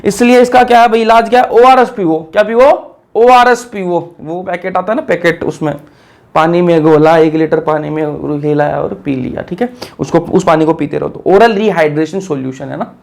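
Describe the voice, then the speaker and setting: Young male teacher, casual and chatty, high gravelly voice, asks and answers his own questions. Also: moderate pace, darkish tone. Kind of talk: casual lecture.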